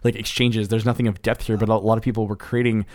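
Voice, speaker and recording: A man's voice: on the low side, level tone, quick pace, darkish tone, dry recording. A man co-hosting a casual chat, rambling with lots of fillers and restarts. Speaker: podcast co-host.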